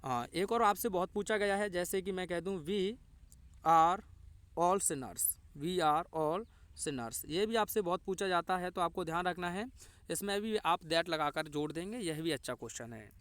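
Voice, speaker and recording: A man's voice: high-pitched, fairly quick, a bit bright, smooth, no room sound. A man with a Hindi accent teaching an exam-prep English lesson, explaining step by step and asking and answering his own questions.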